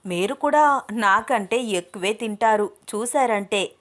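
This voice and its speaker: A woman's voice: medium pitch, normal speed, close to an everyday voice. A woman voicing a playful, cheeky young woman with a teasing, bubbly way of talking.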